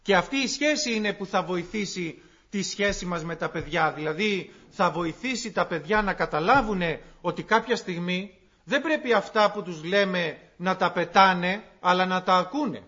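A man preaching a sermon to his congregation, explaining scripture in an earnest, unhurried way with frequent pauses. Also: high voice, pushed and bright. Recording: dull lo-fi recording.

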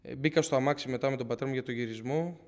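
A man's voice: medium pitch, darkish tone. A young man earnestly giving a personal faith testimony to his congregation, often restarting and repeating himself as he retells what happened. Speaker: church member giving testimony.

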